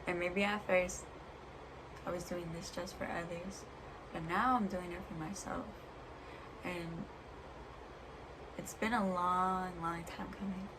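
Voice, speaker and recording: Lowish voiced woman doing a reflective vlog, earnest, stops and starts a lot, clear noise behind her. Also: level tone. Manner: earnest, halting, pausing between short phrases. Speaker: vlogger. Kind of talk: reflective personal monologue to camera.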